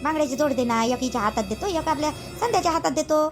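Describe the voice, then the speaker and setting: Lady playing a bossy village mother-in-law, high voice, rattles off orders fast. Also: music in the background. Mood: bossy, busy. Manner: calls out orders, quick and shrill. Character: bossy middle-aged mother-in-law, sharp-tongued.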